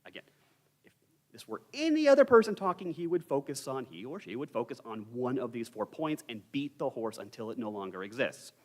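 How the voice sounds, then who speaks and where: Lively young man teaching Bible study. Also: mid-range voice, fairly quick. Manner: candid, conversational, with wry asides. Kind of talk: informal Bible study lecture. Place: church.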